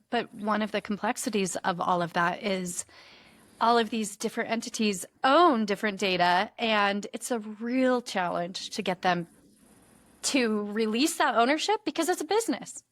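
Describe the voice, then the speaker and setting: A woman's voice: medium pitch, normal speed, fairly bright tone, dry recording. A woman hosting a podcast who speaks frankly and laughs easily in casual conversation. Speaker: podcast host.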